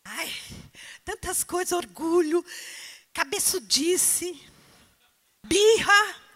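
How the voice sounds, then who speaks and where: A woman's voice: high voice, lively intonation, unhurried, pushed and bright. A woman preacher delivering a sermon, pressing the congregation with emphatic rhetorical questions.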